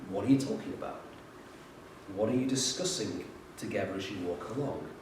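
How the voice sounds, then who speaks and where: Man voicing a calm, quietly amused male teacher, low and soft, roomy echo. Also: a little fast, background noise, lightly acted. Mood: gentle. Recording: roomy echo from a distant mic.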